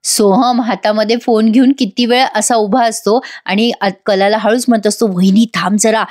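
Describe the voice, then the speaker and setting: A woman narrates a TV serial episode in a chatty voice-over and keeps talking straight to her viewers. Her voice sits moderately high, and the retelling flows easily. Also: steady tone, moderate pace, a little mellow. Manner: chatty, addresses viewers directly. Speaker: TV serial reviewer.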